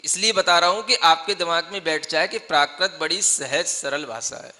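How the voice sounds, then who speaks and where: Bright-voiced monk teaching in a reverberant hall. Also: male voice, fairly high pitch, normal speed. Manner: keeps asking the listeners if they follow; explains patiently with everyday examples. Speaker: Jain monk teaching scripture. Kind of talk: classroom-style scripture teaching.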